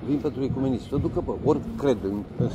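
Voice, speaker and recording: A man joking and teasing while filming outdoors on a phone, loud church bells ringing behind him. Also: medium pitch, very noisy. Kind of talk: casual chat while filming. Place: outdoors on a city street. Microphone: handheld phone.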